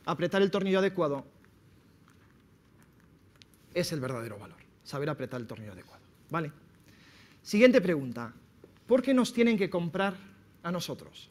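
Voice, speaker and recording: A man from Spain giving a sales seminar to entrepreneurs, lively and quizzing his audience. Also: high voice, moderate pace, pauses often. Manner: lively, questions the audience directly. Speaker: speaker at a business talk. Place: seminar room.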